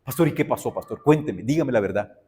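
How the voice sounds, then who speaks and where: A man's voice: mid-range voice, animated, brisk, warm tone, close to an everyday voice. A man voicing a distressed churchwoman who pleads anxiously with her pastor about her husband. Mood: anxious pleading.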